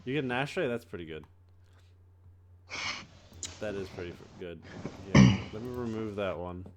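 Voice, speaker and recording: A man's voice: on the low side, animated, a little mellow, a little hiss or hum. Male podcast host, easygoing, cusses a lot, laughs easily. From Ireland. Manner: loose, swears freely, quick to laugh. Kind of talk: casual gaming podcast chat.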